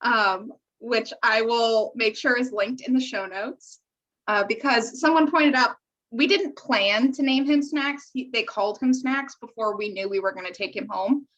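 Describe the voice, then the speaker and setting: A bubbly woman podcast co-host chats away casually during a remote call captured in dull, lo-fi audio. She speaks in an unhurried way, her voice a little high with a fairly bright tone.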